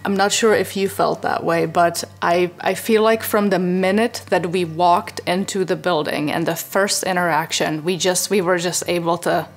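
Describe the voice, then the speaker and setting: Soft music plays behind a fortysomething Czech mother's interview testimonial, filmed on her living room sofa. Her fairly low voice keeps an even intonation and normal speed with barely a pause, and she is earnest and reflective, gesturing throughout.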